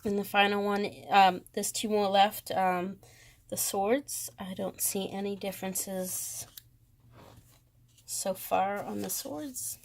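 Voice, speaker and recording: A woman with a Boston accent, talking slowly through a tarot deck comparison with many pauses and fond praise. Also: medium pitch, fairly even intonation, creaky, slight background noise. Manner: slow, hesitant, lots of ums, gushing. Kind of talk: casual deck walkthrough.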